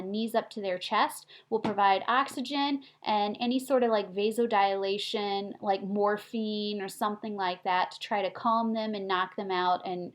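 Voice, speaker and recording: Woman nursing lecturer, casual animated teaching style with rhetorical questions. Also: medium pitch. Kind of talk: recorded classroom lecture.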